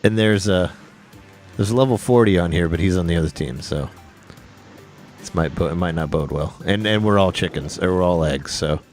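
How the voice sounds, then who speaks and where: A man with a very deep, low-pitched voice banters bluntly with his co-host during a video game session. He swears freely and jokes about his progress in the game. Game music plays faintly behind him. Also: moderate pace, darkish tone. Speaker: podcast co-host and editor. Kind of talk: casual chat while playing a video game.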